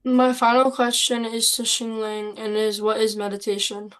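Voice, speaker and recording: A woman's voice: fairly high pitch, monotone, moderate pace, a bit bright, rough recording. A woman reading a prepared lesson aloud as a student presenter. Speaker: student presenter and quiz asker. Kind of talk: reading a prepared class talk.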